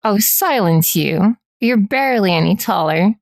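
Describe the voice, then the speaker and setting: Gravelly-voiced woman streamer chatting playfully. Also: medium pitch, expressive, a little slow, no echo, studio quality. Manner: playful, teasing. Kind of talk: casual stream chat.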